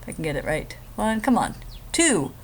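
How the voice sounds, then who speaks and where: A woman's voice: medium pitch, sing-song, moderate pace, a little hiss or hum. A woman math instructor giving a casual, chatty screen-recorded lecture, explaining step by step with joking asides.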